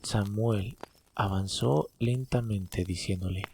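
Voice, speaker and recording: A man's voice: on the low side, takes it slowly, vocal fry, darkish tone, a little hiss or hum. A man narrating a horror story as a dramatic storyteller.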